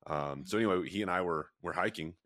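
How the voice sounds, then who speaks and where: Very deep-voiced man telling a story. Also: fast talker, fairly bright tone, no room sound, clean studio sound. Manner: rambling, filler-heavy storytelling with many restarts. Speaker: guest, pet treat company founder. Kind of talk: casual storytelling interview.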